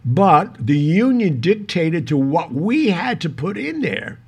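A man co-hosting an interview, talking in an indignant, lively way. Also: fairly high pitch, takes it slowly, breathy edge. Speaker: co-host. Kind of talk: casual interview chat.

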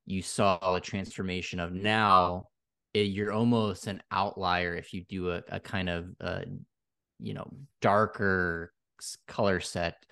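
A man explains things conversationally as an interview guest. His voice is low and clear, and the sound is dry and free of room echo. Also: flat delivery, unhurried, a bit bright. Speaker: interview guest, logo designer.

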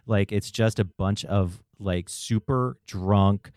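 A man's voice: fairly low pitch, slow pace, darkish tone, no echo, clean studio sound. A man hosting a podcast, chatting casually and telling stories with the odd swear word. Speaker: podcast host. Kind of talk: casual interview chat.

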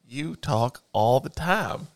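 A man's voice: medium pitch, animated, slow pace. A man in his forties co-hosting a podcast, joking in a wry, mock-defensive way into a podcast microphone. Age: 40s. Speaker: podcast co-host. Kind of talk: casual banter.

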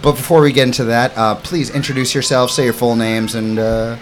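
A man's voice: mid-range voice, fairly even intonation, brisk, over music. A man hosting a podcast in an informal, chatty, upbeat way, casually interviewing children. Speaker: podcast host, summer camp owner.

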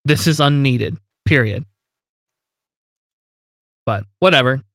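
A man co-hosting a casual game podcast, talking with emphatic disbelief and laughing often. His voice sits at an ordinary middle pitch. The sound is dry and close. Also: takes it slowly, fairly bright tone, no echo. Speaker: podcast co-host. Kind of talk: casual tabletop game discussion.

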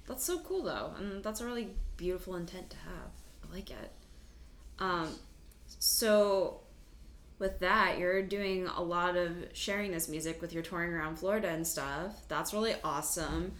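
A woman's voice: lowish voice, moderate pace, a bit bright. A woman interviewer, upbeat and encouraging, asking musicians casual questions. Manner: upbeat, encouraging, lots of backchannels. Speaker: interviewer, host. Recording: roomy echo with faint background noise.

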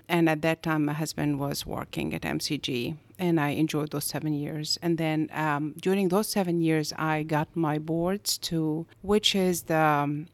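An older woman from Egypt, a guest talking at an easy, unhurried pace with fillers. Her voice is low. The sound is dry and close. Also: no echo. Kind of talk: casual chat.

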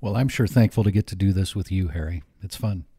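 A man co-hosting a podcast in casual chat, with a deep radio voice and an easygoing, teasing manner. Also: quick pace, mellow, slightly rough, dry recording, clean studio sound. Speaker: podcast co-host.

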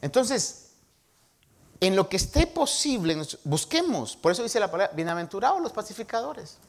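Older man preaching, lively, animated pitch. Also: normal speed. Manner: lively preaching, acting out quoted dialogue, rising to emphatic peaks. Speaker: pastor. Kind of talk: sermon.

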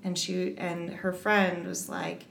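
A woman's voice: on the low side, flat delivery, slow pace, gravelly, fairly bright tone, reverberant, slight background noise. A woman speaking as an interview guest, earnest and encouraging, often restarting her sentences as she talks about her advocacy work. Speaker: guest, eating disorder advocate. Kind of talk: casual interview conversation.

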